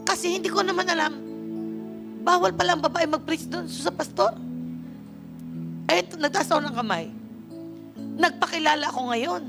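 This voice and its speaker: A woman's voice: very high-pitched, moderate pace, long pauses, over music. A middle-aged woman from the Philippines, a pastor giving a sermon and telling a personal story, slipping English phrases into her talk. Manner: storytelling preacher, switching freely into English phrases. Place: church worship service.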